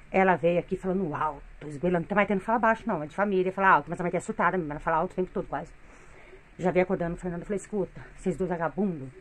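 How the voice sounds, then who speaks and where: A middle-aged woman with a Brazilian Portuguese accent venting in a weary, complaining tone in a casual home vlog, filmed on a phone in her living room. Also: fairly low pitch. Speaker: vlogger, mother of three.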